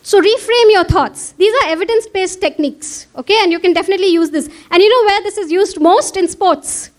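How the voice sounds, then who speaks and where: A woman's voice: extremely high pitch, a little fast. A woman with an Indian English accent giving a conference lecture, engaging the audience with frequent questions.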